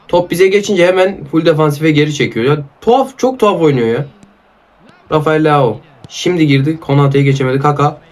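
A man's voice: fairly high pitch, a little mellow. A man giving live commentary on a mobile football game, calling out player names and ranting at his opponent in exasperation. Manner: calls out player names in short bursts. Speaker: mobile football gaming YouTuber.

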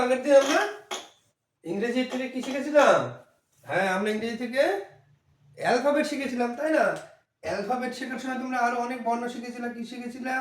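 A man giving a mock demo lesson to young children, coaxing them along and asking questions he then answers himself. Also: extremely high pitch. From Bangladesh. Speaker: teacher. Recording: echoey room, mic at a distance.

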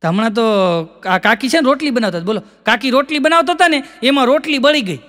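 A man's voice: extremely high pitch, fast talker, sharp tone. A man with a Gujarati accent telling folksy comic stories as a stand-up act, playing both sides of each joke and often repeating lines for effect. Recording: long hall reverb.

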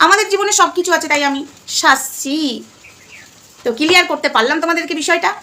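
Fast, high-voiced woman vlogger, emphatic. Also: bright, forceful tone. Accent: Bengali. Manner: emphatic, repeating "ঠিক আছে?". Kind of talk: casual talk to viewers.

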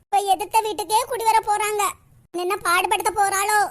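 Very high-pitched scolding cartoon woman. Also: steady tone, brisk. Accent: Kanyakumari Tamil. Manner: scolding, indignant. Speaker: voice actor for an animated comedy character. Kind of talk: animated comedy dialogue.

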